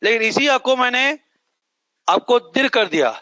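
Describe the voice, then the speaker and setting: Male teacher, high bright voice, call-and-response lecturing, dry close sound. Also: expressive, normal speed, clean tone. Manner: repeats each point and asks the class to echo it back; stretches out vowels to show their length. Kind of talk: classroom lecture.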